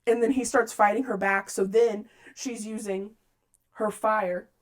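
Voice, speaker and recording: A woman's voice: mid-range voice, fairly even intonation, unhurried. A woman hosting a casual book-club chat, recapping scenes and reading passages aloud. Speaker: podcast host.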